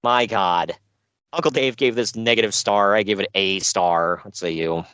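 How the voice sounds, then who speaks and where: A man's voice: fairly low pitch, normal speed, fairly bright tone, clear, resonant tone, dry recording. A man co-hosting a podcast, recapping a show with dry sarcasm and frequent laughs. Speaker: podcast co-host. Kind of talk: casual chat.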